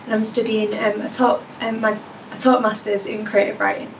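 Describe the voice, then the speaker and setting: A woman from Lancashire studying creative writing, introducing herself haltingly with ums. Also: medium pitch, little pitch movement, gravelly, lo-fi sound. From Lancashire, England. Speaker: creative writing master's student. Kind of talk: casual self-introduction. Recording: echoey, distant call audio with hiss.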